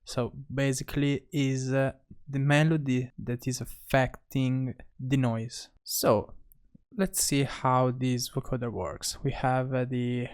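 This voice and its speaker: Smooth yet flat, a mid-range man's voice narrates a software tutorial. He proceeds haltingly, leaving pauses after each short phrase.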